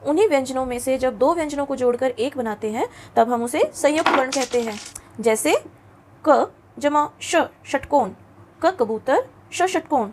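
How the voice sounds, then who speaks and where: Teaching schoolchildren in a classroom lesson, a woman with a high, light voice is patient and coaxing. She keeps asking questions to check in, mixes English words into her speech, and slows down to pronounce each letter clearly.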